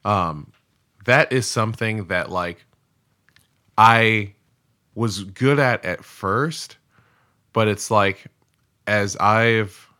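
A man's voice: on the low side, very slow, long pauses, sharp tone. A man in his thirties co-hosting a podcast, talking candidly and rambling, swearing and laughing often. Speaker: podcast co-host. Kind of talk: casual chat.

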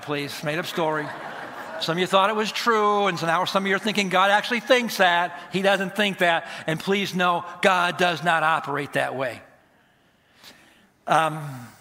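Male pastor, bright ringing voice, emphatic sermon delivery, slightly high. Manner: emphatic, swings between loud stresses and quiet asides.

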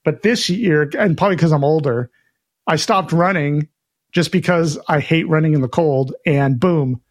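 A man's voice: fairly high pitch, normal speed, no room sound. A man co-hosting a retro gaming podcast, chatting in an upbeat way with frequent restarts. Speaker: podcast co-host. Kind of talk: casual chat.

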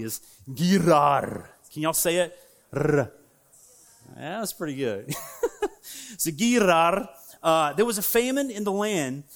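In a church sanctuary, an American pastor with a Southern accent gives a sermon in a voice a bit higher than most men's. He addresses the congregation in a relaxed, conversational manner, sprinkling in plenty of fillers and asides.

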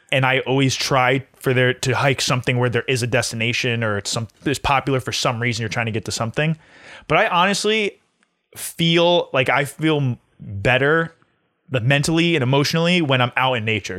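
A man in his twenties co-hosting a podcast in a loose, casual chat. He tells animated stories, swears freely and keeps a medium pitch. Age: 20s. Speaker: podcast co-host.

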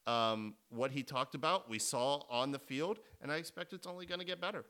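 A man's voice: mid-range voice, fairly quick, pushed and bright, clear, resonant tone. A man co-hosting a podcast, chatting casually and animatedly about sports, swearing freely and restarting sentences often. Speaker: podcast co-host.

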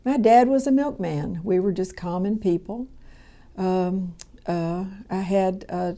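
Older lady doing a radio bible teaching, warm mellow voice, lots of um and uh, kinda rambly. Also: lowish voice. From Kentucky, USA. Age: 70s. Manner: rambling, with frequent fillers and restarts.

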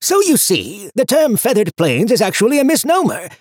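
A man's voice: high voice, wildly swooping pitch, normal speed, slightly rough, no room sound, studio quality, voice pushed up, heavily acted. A man voicing a fussy, pedantic talking book that lectures nonstop. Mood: lecturing. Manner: lecturing, know-it-all. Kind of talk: audiobook character voice.

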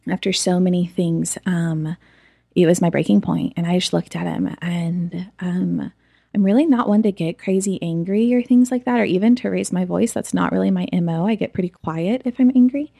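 A woman speaks in a low, slightly gravelly voice, recorded close and dry. She tells a personal story to an interviewer, candid and reflective, with plenty of ums and likes. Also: normal speed, warm tone, no echo. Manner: candid, reflective, with frequent fillers. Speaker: interview guest.

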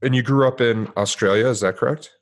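A man hosting a podcast, narrating a scripted introduction and then interviewing a guest. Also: mid-range voice. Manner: measured storytelling narration. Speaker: podcast host.

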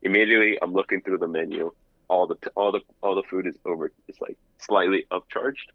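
A man's voice: sits low, fairly even intonation, a little fast, no echo. A man co-hosting a casual podcast by phone from his apartment, his call played back into the studio, rambling through stories and restarting words. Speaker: podcast co-host calling in. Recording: dull lo-fi phone line.

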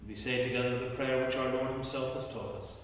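A man's voice: medium pitch, level tone, brisk. Clergyman reciting prayers in cathedral echo. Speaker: clergyman leading worship. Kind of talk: liturgical recitation of creed and prayers. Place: large reverberant church. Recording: echoey church, long reverb, distant mic.

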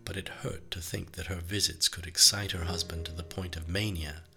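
A man reading an audiobook as its narrator, in an even, measured storytelling manner. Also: deep voice, gravelly, soft background music. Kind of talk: scripted narration.

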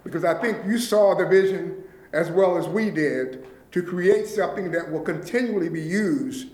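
A man's voice: high-pitched, normal speed, darkish tone. A man leading a nonprofit, speaking earnestly and gratefully at a public meeting, often checking in with his listeners. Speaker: nonprofit leader addressing county officials. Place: meeting room. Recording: echoey meeting room.

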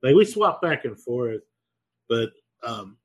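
Husky-voiced man in profane casual chat. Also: mid-range voice, slow pace. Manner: profane, rambling, animated storytelling.

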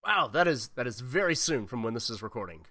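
A man's voice: mid-range voice, sing-song, quick pace, pushed and bright. A man hosting a casual interview, talking in a rambling, informal way. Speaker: podcast host interviewing guests.

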